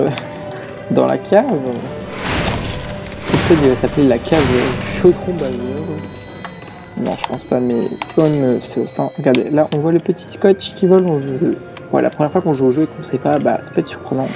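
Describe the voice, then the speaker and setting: A man's voice: on the high side, normal speed, gravelly. A tired, yawning man giving casual, rambling commentary while playing a video game, with game music behind. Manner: chatty, rambling asides. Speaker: let's play gamer.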